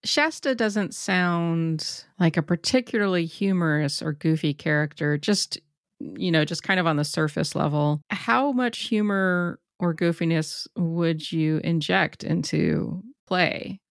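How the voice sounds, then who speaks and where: Woman, podcast host, gentle questions, low pitch, gravelly, dry recording. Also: unhurried, dry recording. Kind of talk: casual interview.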